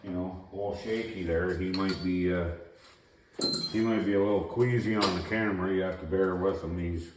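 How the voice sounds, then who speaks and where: Filmed by his son on a camera, a middle-aged man nursing a sore throat gives rambling, folksy how-to commentary on a repair in his home garage, with plenty of fillers. His deep voice has fairly even intonation at a normal speed, and the sound is roomy with a noisy background.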